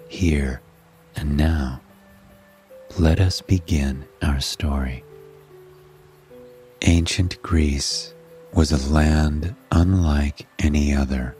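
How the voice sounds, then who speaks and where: A man narrating a sleep story as host, in a calm, hushed, soothing manner that lingers on words. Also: a bass voice. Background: music.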